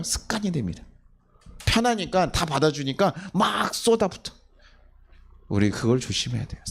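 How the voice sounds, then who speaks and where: A middle-aged male pastor preaching a sermon in a church. He keeps putting questions to the congregation and then answers them himself. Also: fairly high pitch. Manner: acts out quoted family scolding in a livelier voice. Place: church sanctuary.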